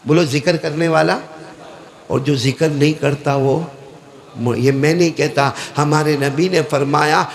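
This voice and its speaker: A man with a Pakistani Urdu accent preaching a storytelling sermon. He calls out to the crowd, often shouts, and laughs as he talks. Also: a little high, fairly even intonation, vocal fry. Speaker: Islamic preacher.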